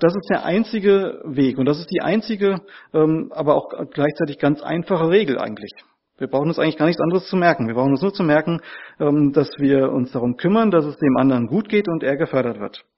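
Husky-voiced man preaching a sermon. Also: a little high, expressive, a little fast, highs cut off. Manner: earnest, repeats key phrases for emphasis.

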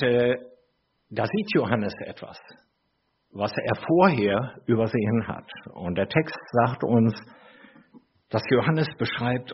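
A middle-aged man preaching a sermon in a slow, reflective way, with chatty asides to his listeners. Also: on the low side, a little hiss or hum. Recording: dull lo-fi recording.

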